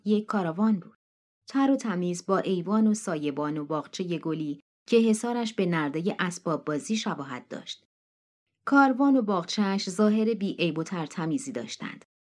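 Woman reading a story aloud, steady. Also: medium pitch. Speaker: narrator. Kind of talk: audiobook reading of a short story.

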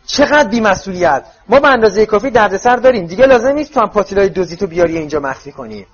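A man's voice: high-pitched, expressive, voice pushed up. A man voicing a furious middle-aged mother who scolds at the top of her voice, on dull lo-fi audio. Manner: shrieking scolding at full volume.

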